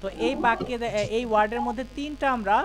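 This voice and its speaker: A man's voice: extremely high pitch, quick pace, a bit bright. A man teaching a live online grammar class, explaining patiently step by step and quizzing his students.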